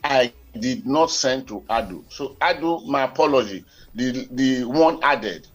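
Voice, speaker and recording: A man's voice: medium pitch, a little slow, breathy edge. A Nigerian man co-hosting a radio current affairs show, heard over a telephone line, talking in a formal, wordy and digressive way. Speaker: radio talk show co-host.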